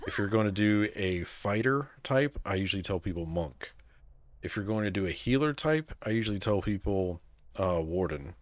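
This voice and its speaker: Male game streamer, low voice, relaxed chatty delivery, answers chat. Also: moderate pace. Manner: laid-back, answers chat, many fillers like "so, like" and "um". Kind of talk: casual live-stream chat.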